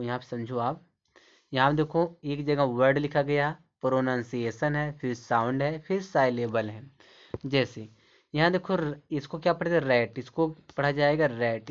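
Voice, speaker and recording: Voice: mid-range voice, dull audio. A teacher giving a step-by-step explanation to camera. The teacher keeps repeating points and asks rhetorical questions, then answers them. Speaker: English teacher. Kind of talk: classroom-style explanation to camera.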